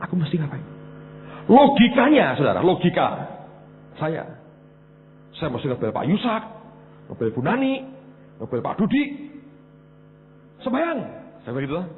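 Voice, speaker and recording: Javanese-accented pastor, hushed to loud. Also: male voice, a little high, huge pitch swings, a little slow, pauses often. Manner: storytelling, switches between hushed asides and loud emphatic bursts. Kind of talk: sermon. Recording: phone-like narrow sound with faint hum.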